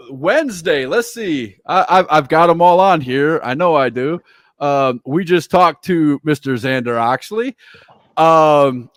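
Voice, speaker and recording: A man hosting a casual talk show, chatty and quick to laugh, often trailing off mid-thought. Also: fairly high pitch, fairly bright tone, no echo, studio quality. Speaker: show host.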